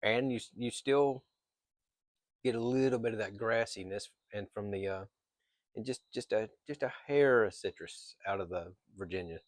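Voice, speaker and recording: A man with a fairly low voice talks through an unscripted review in a casual way. He often pauses mid-thought and feels his way to the next phrase. The sound is dry, with very little room in it. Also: dry recording. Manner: hesitant, pausing mid-thought, thinking aloud. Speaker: pipe tobacco reviewer.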